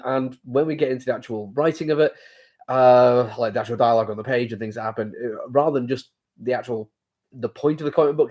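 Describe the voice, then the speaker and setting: A man with a cold, sore throat and blocked sinuses reviews a comic book casually. His mid-range voice is a little mellow and husky, and he rambles hesitantly, leaning on lots of fillers.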